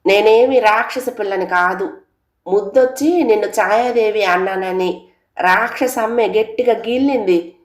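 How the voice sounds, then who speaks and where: A woman voicing a cheeky, chatty little girl who protests in a high voice. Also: unhurried, natural voice. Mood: indignant. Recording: roomy echo.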